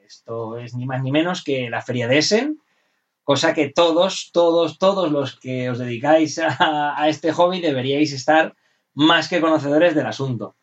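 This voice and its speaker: A man's voice: a little high, moderate pace, distant mic, muffled recording. A man with a Spain Spanish accent casually hosting a hobby podcast, repeating phrases as he steers the talk. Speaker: podcast host.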